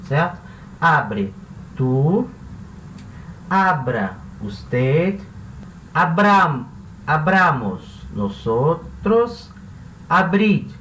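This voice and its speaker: A man from Brazil teaching a grammar lesson, explaining each step slowly and checking in with his listeners as he goes. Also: on the high side, recorded from a distance, slight background noise. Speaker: language teacher. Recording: echoey room, voice off-mic.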